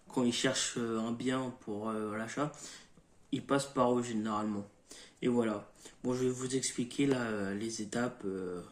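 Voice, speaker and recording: A man's voice: mid-range voice, darkish tone. Hesitant man explaining a topic. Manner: hesitant, many fillers and self-corrections. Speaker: YouTube channel host. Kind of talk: informal educational talk, partly read.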